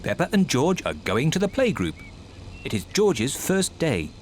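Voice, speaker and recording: A man's voice: fairly high pitch, wildly swooping pitch, measured pace. A man giving cheerful, simple scripted narration for a children's cartoon. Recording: voice-over with loud music behind.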